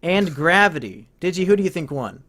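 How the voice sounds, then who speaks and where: A man's voice: fairly high pitch, sing-song, normal speed, fairly bright tone. A man co-hosting a podcast, trading crude, mocking banter and breaking into heated rants. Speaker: podcast co-host. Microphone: podcast microphone.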